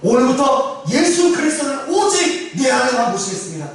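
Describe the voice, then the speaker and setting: A despairing wife crying out to God in a pleading, lamenting prayer, as a male preacher acts her out. Her voice swings through a lively pitch, and it echoes through a very reverberant church hall, heard from afar with faint noise behind. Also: normal speed, recorded from a distance, heavily acted. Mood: resolving. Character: despairing pastor's wife praying in tears.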